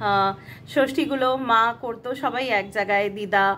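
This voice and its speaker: A woman's voice: on the high side, normal speed, a bit bright, slight background noise. A woman vlogging casually, chatting and explaining things to her viewers with frequent fillers. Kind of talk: casual vlog narration.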